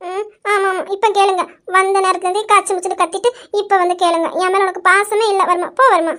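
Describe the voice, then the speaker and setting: A sweet-talking young wife, voiced by a woman, pleading and teasing her husband. Her voice is very high and light. Amateur family drama. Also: level tone, quick pace, bright, forceful tone.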